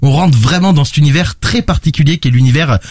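A man's voice: on the high side, fast, a little mellow, slightly rough, no echo. A man presenting and reviewing podcasts in a chatty, enthusiastic way, with many fillers and restarts.

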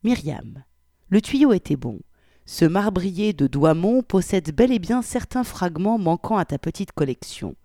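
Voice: medium pitch, very animated, measured pace, creaky, mellow, no room sound, clean studio sound. A reader doing a matter-of-fact man's email. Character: man writing a friendly email to a colleague. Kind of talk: reading of a letter.

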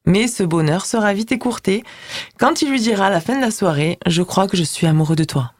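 A woman columnist on a radio show, recapping a TV series with lively quips. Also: mid-range voice, fairly quick, no echo, studio quality.

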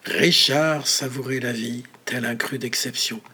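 A man narrating a story in a measured manner, often dropping to a whisper. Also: medium pitch, steady tone, bright, forceful tone, husky. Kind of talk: audiobook story reading.

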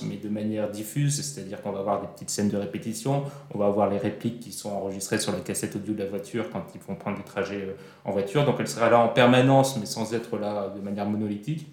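A man hosting a casual film discussion, talking with frequent fillers and restarts. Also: fairly low pitch. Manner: hesitant, with many fillers and restarts. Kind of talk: casual film review chat. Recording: roomy echo.

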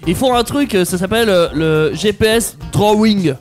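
A man puts on a dim, sweaty sports coach from Marseille, all bluster and bragging. The voice sits high and bright over a light bed of music. It is broad improvised sketch comedy. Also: close to an everyday voice. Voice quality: boastful, blustering, quick to take offense.

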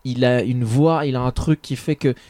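A man co-hosting a casual podcast chat between friends, telling stories in an animated, slangy way. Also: mid-range voice, moderate pace, no echo. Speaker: podcast co-host.

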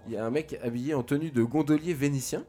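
A man narrating as game master in an easygoing, halting way, laughing often. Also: medium pitch, mellow, faint music behind.

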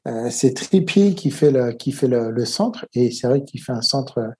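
A man's voice: mid-range voice, expressive, moderate pace, warm tone, slightly rough. A man giving casual football match commentary and tactical analysis, talking hesitantly with many filler sounds.

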